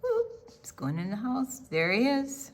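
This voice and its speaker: At storytime, a high-pitched older woman reads to young children in a careful, expressive way. She keeps them engaged with casual asides and questions.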